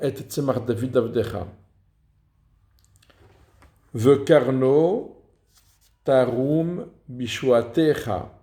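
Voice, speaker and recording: Man, slow careful teacher, dark mellow voice, echoey room, sounds out words. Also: medium pitch. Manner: deliberate, pausing to chant example words. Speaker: teacher of Hebrew liturgical reading. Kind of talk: slow explanatory lesson.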